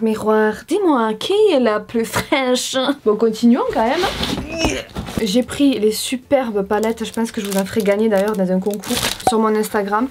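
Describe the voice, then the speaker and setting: A young woman from France chatting excitedly through a makeup haul, bubbly and playful with lots of asides. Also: on the high side, a little hiss or hum. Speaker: beauty vlogger. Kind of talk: casual haul vlog.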